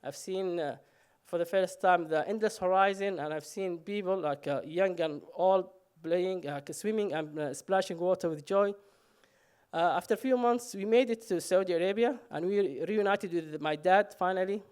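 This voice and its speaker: A man tells his own story on stage in a fairly high voice. He jokes at himself and often stops on "uh". The talk stays loose and unscripted. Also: moderate pace, a little mellow, clear, resonant tone. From Somalia. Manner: humorous, self-mocking, frequent "uh" fillers. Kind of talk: live personal storytelling on stage.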